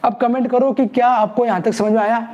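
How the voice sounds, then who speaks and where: Over dull audio, a man with a very high but darkish voice speaks fairly quickly in a steady tone. In his exam-prep class he playfully asks and answers his own questions, drilling mnemonics and repeating each key word with a story.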